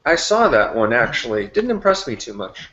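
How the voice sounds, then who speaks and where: A man's voice: mid-range voice, very animated, moderate pace, a bit bright, slight background noise. A man hosting a casual movie chat, talking loosely with lots of fillers. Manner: loose, rambling, filler-heavy. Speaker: host of a live movie chat. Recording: roomy, dull lo-fi webcam audio.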